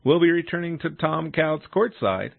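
A male radio announcer reading weather conditions in a brisk, matter-of-fact way, taped off the radio. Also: a little high, animated, creaky, no echo, phone-quality sound. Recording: thin, radio-band broadcast audio.

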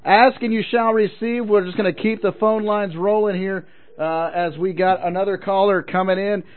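A man's voice: high voice, steady tone, normal speed. A man hosting a call-in sports radio show, chatting casually in a folksy, encouraging way and often repeating his phrases. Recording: narrow phone-like radio audio.

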